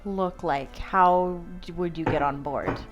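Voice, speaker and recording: A woman's voice: on the low side, slow pace, loud music behind the voice. A woman playing a tabletop game, enthusiastic and full of questions. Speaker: player. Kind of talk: casual tabletop play.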